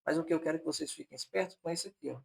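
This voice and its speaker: A man's voice: fairly high pitch, very fast, creaky, darkish tone, slightly rough. A man teaching a Portuguese grammar lesson online for exam prep, explaining step by step and repeating points on purpose so they stick.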